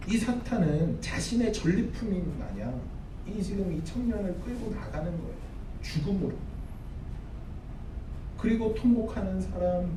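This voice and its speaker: A man's voice: sits high, background noise. A man preaching a sermon as pastor, dramatic, acting out the figures he quotes. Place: church sanctuary. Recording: echoey hall, mic at a distance.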